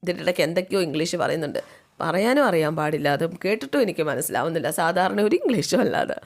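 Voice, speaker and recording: A woman casually retelling a TV serial with her own opinions, chatty and lively, acting out the characters' lines. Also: fast, vocal fry. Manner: chatty, lively, acts out quotes with shifting pitch. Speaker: storyteller recapping a TV serial.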